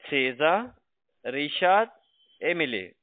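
A very animated but slow-talking call centre salesman, higher in pitch, pitches investments by phone. German isn't his first language, and he tends to be wordy, repetitive and stumbling. The sound is a thin, dry, band-limited phone line.

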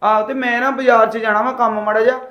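An evasive young son. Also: male voice, very high voice, flat delivery, quick pace, lo-fi sound. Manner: evasive, brief. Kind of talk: family drama acting.

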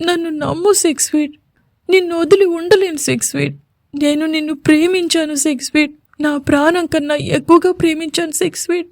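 Picture a young heroine in love, crying as she talks, her lines broken into short, trembling pleas, as a woman storyteller puts her on. Her voice sits high above the narration and sounds dry and close. It comes from a spoken audio love story. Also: a little mellow, no echo. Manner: trembling, pleading, breaks into short phrases.

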